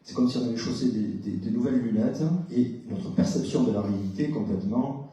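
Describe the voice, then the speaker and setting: Very dark-voiced man lecturing in an echoey hall. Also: fairly low pitch, fairly quick. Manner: explanatory, questions the audience, many hesitations. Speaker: psychologist giving a talk. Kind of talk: conference talk with audience exchange. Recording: very echoey hall, distant mic.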